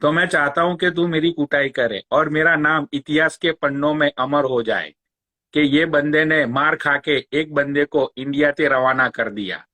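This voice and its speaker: A man's voice: a little high, moderate pace, sharp tone. A man hosting a live stream, ranting sarcastically and taunting a rival, swearing often. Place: Long Island, New York.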